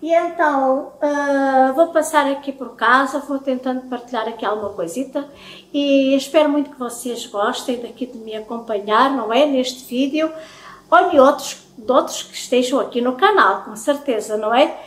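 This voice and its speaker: A middle-aged woman vlogging from home speaks with a European Portuguese accent in a high, chatty, familiar voice at normal speed. She addresses her viewers affectionately in casual conversation, recorded indoors in an echoey home kitchen.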